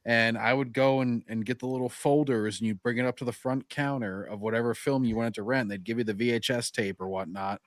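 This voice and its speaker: A man's voice: medium pitch, steady tone, brisk, hardly any pauses, no echo. A man co-hosting a casual podcast, telling stories in a laid-back, joking way. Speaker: podcast co-host.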